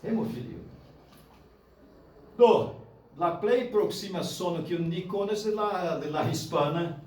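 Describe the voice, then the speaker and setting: A man with a Brazilian Portuguese accent teaching a class, lively and exclaiming, drawing out words slowly as he drills pronunciation. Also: sits high. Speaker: Esperanto teacher. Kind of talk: classroom demonstration lesson. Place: club meeting room with audience. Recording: echoey room from far off.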